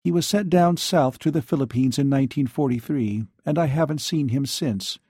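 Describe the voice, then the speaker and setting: Brief: man putting on an icy, acerbic young woman, storybook reading, warm dry low tone. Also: moderate pace, slightly rough, dry recording, close to an everyday voice. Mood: detached. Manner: clipped and cutting. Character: cold, acerbic young woman bar owner.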